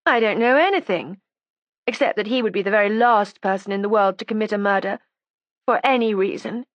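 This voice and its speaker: A sharp, resentful young woman whose audiobook voice rises high against the plain narration, sarcastic and combative. A woman reader puts her on in a dry, close recording. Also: fairly quick, no echo, muffled recording, natural voice. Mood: defiant. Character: defiant resentful young woman making a false confession. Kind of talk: audiobook character voice.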